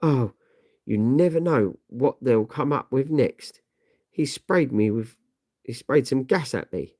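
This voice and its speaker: A man's voice: mid-range voice, lively intonation, slow pace, mellow. A man voicing a plucky young heroine in peril, breathless and gasping as he reads a comic aloud. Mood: panicky.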